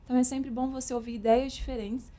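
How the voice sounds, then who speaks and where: A woman with a Brazilian Portuguese accent, a teacher speaking calmly in a panel discussion. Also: sits high, fast talker.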